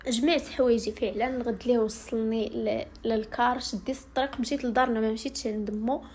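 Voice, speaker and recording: A young woman with a Moroccan accent tells viewers her own story. She speaks quickly, in a rather high voice, recounting everything in an aggrieved first-person way. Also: fairly even intonation, a little mellow, slight background noise. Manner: rapid, aggrieved first-person retelling with acted quotes.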